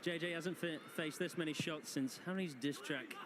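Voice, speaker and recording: Fairly high in pitch and moderately paced, a man serves as match commentator, turning live football coverage into comedy with quips and puns. Clear outdoor ambient sound surrounds him.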